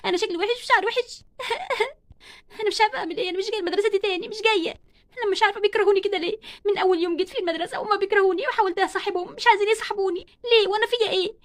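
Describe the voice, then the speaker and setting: Woman voicing a crying bullied schoolgirl, Egyptian accent, very high pitch, rapid, doll play story. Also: fairly even intonation, no echo. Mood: upset. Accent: Egyptian Arabic. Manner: whimpering, crying, pleading. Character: sad bullied schoolgirl, tearful and timid.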